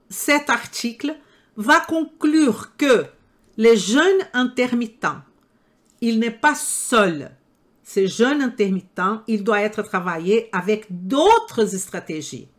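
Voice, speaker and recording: Older woman with a non-native accent, fairly high voice, slow emphatic lecture delivery. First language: not French. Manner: slow, emphatic, rhetorical questions. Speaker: nutrition trainer. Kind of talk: lecture to health professionals. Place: room with live audience.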